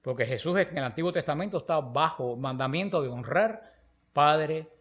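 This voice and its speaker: A man's voice: fairly high pitch, moderate pace. A man teaching on the Bible in a conversational talk, telling stories and acting out the dialogue. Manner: animated storytelling, acting out quoted dialogue. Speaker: preacher.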